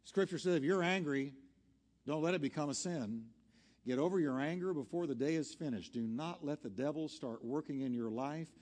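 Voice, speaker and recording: A man's voice: fairly high pitch, normal speed, a little mellow. A man preaching a sermon as a pastor, earnest and exhorting, driving his points home in short, emphatic, repeated phrases. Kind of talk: sermon with altar call. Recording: long hall reverb, music behind.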